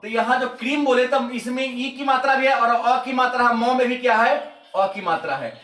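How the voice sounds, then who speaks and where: A man teaching a grammar lesson, repeating each definition slowly as if for students to write down. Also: extremely high pitch, pushed and bright, soft background music. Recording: echoey room, mic at a distance.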